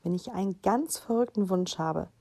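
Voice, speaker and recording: A woman reading aloud and voicing a small, curious boy in a higher, eager tone. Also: normal speed, dark tone, lightly acted. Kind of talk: read-aloud storybook voice.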